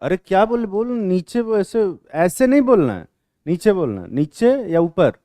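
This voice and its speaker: A man's voice: high-pitched, big pitch swings, normal speed, mellow, no room sound, clean studio sound. Blunt, teasing male chemistry teacher. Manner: blunt, teasing, quizzes students with rough slang. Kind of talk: classroom lecture with questioning. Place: classroom with students.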